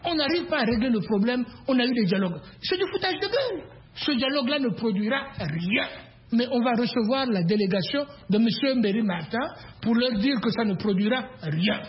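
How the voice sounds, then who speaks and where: A man's voice: very high-pitched, a little fast. Fed-up opposition guy, scornful, muffled with faint noise. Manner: exasperated, scornful. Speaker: opposition politician. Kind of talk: interview clip.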